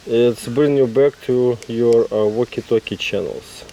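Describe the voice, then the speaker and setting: A product reviewer with a mid-range voice gives a casual hands-on demo, speaking slowly in halting, choppy phrases. The recording is noisy, with vehicle and ambient sounds in the background.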